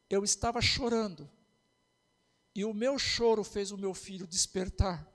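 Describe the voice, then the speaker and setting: A man's voice: very high voice, long reverb tail. A man with a Brazilian Portuguese accent preaching an impassioned sermon as pastor.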